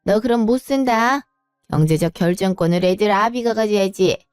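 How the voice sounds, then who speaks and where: A woman's voice: mid-range voice, normal speed, darkish tone, smooth, dry recording, studio quality, soft background music, natural voice. A woman voicing a reproachful, pushy middle-aged mother-in-law who talks down and scolds in a story reading. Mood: scolding.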